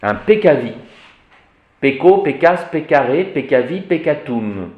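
Slow, animated man teaching in an echoey room. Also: on the high side, muffled recording, a little hiss or hum. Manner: animated, repeats "vous voyez", vivid examples. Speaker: Latin teacher. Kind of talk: classroom lecture.

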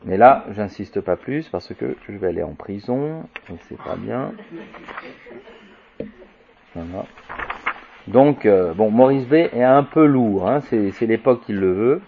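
A man giving an informal lecture in a halting way, with restarts, filler tags and wry asides. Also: lowish voice, animated, vocal fry. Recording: dull lo-fi recording.

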